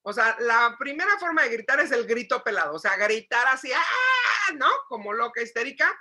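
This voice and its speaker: A woman psychologist giving a lively lecture to parents, asking the audience questions and acting out shouting. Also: on the high side, fairly quick. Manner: animated, asks the audience questions, acts out shouting.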